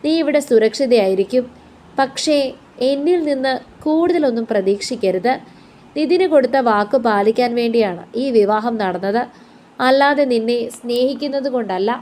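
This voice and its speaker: A woman's voice: a little high, lively intonation, normal speed, darkish tone, slight background noise, close to an everyday voice. A woman reading the lines of a cold, bitter young husband who speaks harshly and curtly. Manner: harsh, curt.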